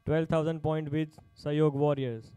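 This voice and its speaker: Smooth male auctioneer, slightly high voice. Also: little pitch movement, a little slow, dark tone, dry recording, soft background music, poor audio. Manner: repeats bids and prompts in short clipped phrases. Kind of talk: live sports player auction calling, announcing bids.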